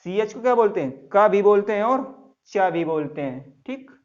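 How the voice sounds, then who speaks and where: A man with a high, expressive voice teaches English grammar to a class at a normal speed, spelling words out letter by letter and quizzing students with repeated questions. The classroom recording sounds dull and lo-fi.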